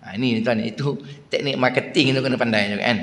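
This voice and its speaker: A man's voice: medium pitch, quick pace. A man with a Malaysian Malay accent giving a mosque lecture, telling anecdotes and acting out the voices of the people in them. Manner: animated storytelling, acts out voices of shopkeepers. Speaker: religious teacher. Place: prayer hall. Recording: echoey prayer hall.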